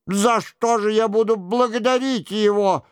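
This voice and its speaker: A man voicing a plump, frightened monk who pleads in a raised, slow voice. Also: clean tone, no echo, clean studio sound. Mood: pleading. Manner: high, drawn-out pleading.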